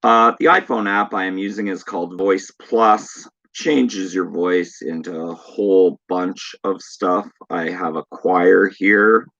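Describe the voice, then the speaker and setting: A man's voice: low voice, slow pace, few pauses, fairly bright tone, muffled recording. Laid-back man reading out viewer comments. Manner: laid-back, chatty, greets viewers by name. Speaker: horror channel host. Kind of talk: casual live-stream chat, reading viewer comments.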